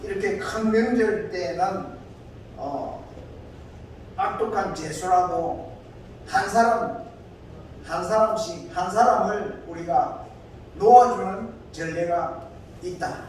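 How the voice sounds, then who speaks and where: A domineering Roman governor barks his threatening questions, as a preacher puts him on. The voice sits high and pushes forward. It rings through a large echoing hall, picked up from well away from the mic. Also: slow, long pauses, a little hiss or hum. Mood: stern. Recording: echoey hall, distant mic.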